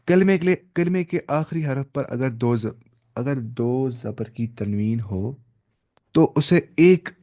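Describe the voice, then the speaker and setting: A male teacher leads a classroom-style lesson on Quran recitation rules. He keeps asking his listeners questions, then answers them himself. He stretches out Arabic words in slow chanted tones and drops English words into his explanations. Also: medium pitch, warm tone.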